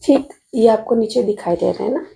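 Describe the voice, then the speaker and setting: Gravelly-voiced Rajasthani woman teacher, calm. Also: fairly high pitch, brisk. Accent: Rajasthani Hindi. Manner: calm, patient, calls students "beta". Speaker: math teacher. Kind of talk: solving a model exam paper on video.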